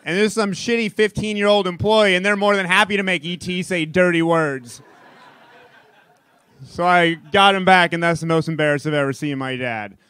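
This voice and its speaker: A man's voice: sits high, moderate pace, sharp tone, smooth, no room sound. A young man telling a funny personal story on stage to a live audience, casual and wry. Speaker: storyteller comedian. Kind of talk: stand-up storytelling.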